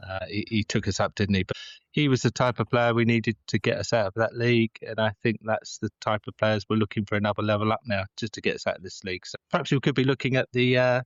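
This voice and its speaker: A low-voiced man talks casually as a podcast co-host, sitting outside in his back garden. The sound is close and dry, with a slightly dull, lo-fi edge. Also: steady tone, quick pace, no echo. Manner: speaking casually outdoors from the garden. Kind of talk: casual sports chat. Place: outdoors in a home garden.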